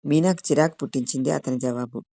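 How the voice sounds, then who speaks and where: Brief: woman narrator, low voice, dry close sound, calm even storybook reading. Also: fast, gravelly, dry recording. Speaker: story reader. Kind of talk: scripted audiobook narration.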